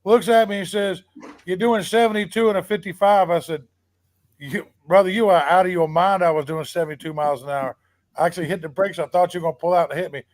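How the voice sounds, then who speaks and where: A high-voiced man spins an animated podcast yarn. He cusses freely and acts out every exchange he tells. His pitch sits up above most men's. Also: quick pace. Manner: animated, profane, tells stories with acted-out dialogue. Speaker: podcast guest. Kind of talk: casual storytelling.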